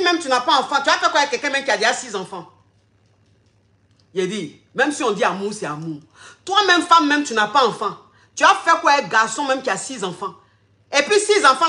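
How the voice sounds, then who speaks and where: Bright high-voiced woman coach. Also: echoey room. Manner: repeats phrases, calls viewers darling and family. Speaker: relationship coach on a live stream. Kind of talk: live-stream advice talk.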